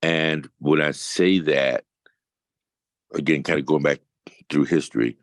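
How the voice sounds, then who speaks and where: A man on a discussion panel with an extremely deep voice. He thinks out loud, restarting his phrases as he reaches for an idea. His voice sounds dry and close to the mic. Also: steady tone, unhurried, no echo. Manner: musing, thinking aloud with restarts.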